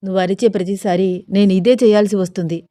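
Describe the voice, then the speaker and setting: A woman's voice: medium pitch, little pitch movement, fast talker, mellow, dry recording, clean studio sound, natural voice. A woman playing a teasing young husband.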